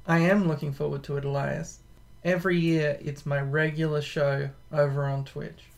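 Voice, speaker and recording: A man's voice: fairly high pitch, flat delivery, moderate pace, gravelly. A man chatting casually as a podcast guest in a dry, tongue-in-cheek manner. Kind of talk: casual chat.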